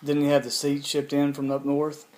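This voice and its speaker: A man's voice: on the high side, monotone, moderate pace, a little mellow. A man casually interviewing a family member with simple, informal questions. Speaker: interviewer, the older man's son.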